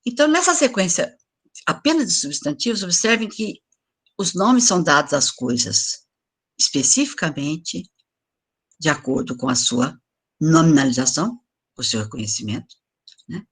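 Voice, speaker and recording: A woman's voice: deep voice, big pitch swings, normal speed, pauses often, slightly rough. An older woman giving an online lecture to teachers, explaining examples and asking for the next slide. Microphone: video call.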